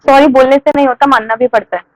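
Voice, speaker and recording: A woman's voice: sits high, fairly even intonation, fast, low-quality recording. A young woman teaching a commerce class. She asks questions and answers them herself, and she firmly scolds students who disrupt the lesson. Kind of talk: classroom lecture.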